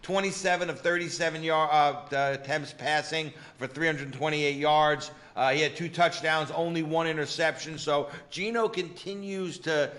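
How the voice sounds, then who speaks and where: Male co-host, crisp forceful tone on the high side, sure of his picks, casual filler-heavy delivery. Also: fairly even intonation, normal speed, few pauses. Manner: confident, peppers talk with "you know" and catchphrases. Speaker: sports betting co-host. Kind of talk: casual betting-picks chat.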